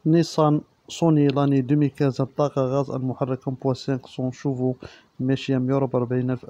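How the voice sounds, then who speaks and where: Algerian man, brisk flat car-listing read, mellow tone, muffled lo-fi recording. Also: medium pitch. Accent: Algerian Arabic. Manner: monotone listing of specs and prices. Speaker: used-car price presenter.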